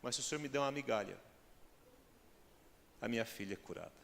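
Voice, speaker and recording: A man's voice: mid-range voice, fast, vocal fry, fairly bright tone, a little hiss or hum. Man doing pleading mother, urgent, imploring, Brazilian accent, long hall reverb. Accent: Brazilian Portuguese. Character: pleading mother of a sick daughter.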